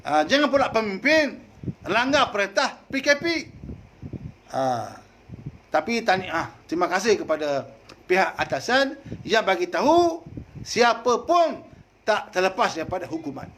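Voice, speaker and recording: A man with a Malaysian Malay accent giving a folksy sermon, dropping frequent "ha" interjections and swinging from loud to soft. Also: high voice, very animated, measured pace, long pauses, slight background noise. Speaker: preacher.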